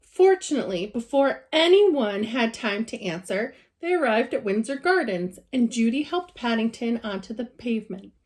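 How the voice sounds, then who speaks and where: A woman's voice: on the high side, sing-song, moderate pace, few pauses, a little mellow. A woman teacher reading a children's storybook aloud with expression.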